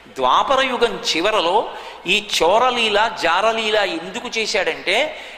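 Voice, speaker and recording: Brief: a male spiritual speaker, emphatic storyteller, high and sharp-toned, reverberant hall. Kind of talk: devotional sermon with storytelling. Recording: echoey hall, long reverb.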